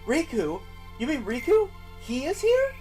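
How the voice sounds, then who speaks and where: A man's voice: very high-pitched, huge pitch swings, measured pace, darkish tone, soft background music, pitched above the performer's own voice, full character voice. A man voicing an earnest young boy hero in video game dialogue read aloud. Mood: startled, eager.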